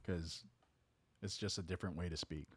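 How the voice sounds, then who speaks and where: A man's voice: low-pitched, normal speed, husky. A man casually teaching a talk box technique step by step, checking in with "right?" as he goes. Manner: relaxed, explains step by step with "right?". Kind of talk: casual studio tutorial. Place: home music studio.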